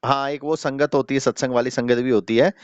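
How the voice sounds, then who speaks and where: Guy teaching an online class, slow patient explaining, dull dry audio, medium pitch. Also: steady tone, smooth, dry recording. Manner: explains slowly, often checks in with "ठीक है"; addresses students directly, asks questions. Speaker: Sanskrit teacher.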